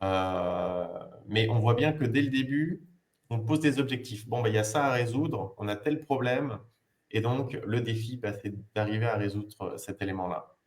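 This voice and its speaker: Low voiced guy teacher walking thru game ideas on a call, lots of euh and bah. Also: moderate pace. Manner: hesitant, many fillers, explains step by step. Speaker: language teacher presenting. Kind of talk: casual presentation and discussion.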